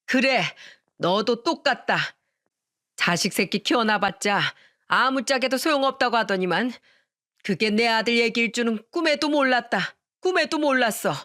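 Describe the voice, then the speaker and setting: A woman doing a shrill, spiteful old mother-in-law. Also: normal speed, fairly bright tone, lightly acted. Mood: bitter. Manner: wailing, scolding, cursing.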